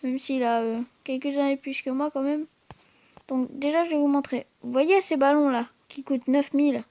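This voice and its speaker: High-voiced woman giving hesitant gameplay commentary. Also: steady tone, normal speed, mellow. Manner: hesitant, full of fillers and restarts; chatty, addresses viewers directly. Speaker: gaming channel host.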